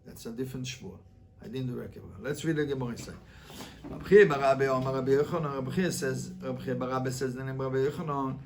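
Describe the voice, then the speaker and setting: Speaking fast in a medium-pitched, darkish voice, a man teaches Talmud as a rabbi. He works through the text line by line, reading and translating, and keeps the lesson interactive with emphatic questions and repeated phrases.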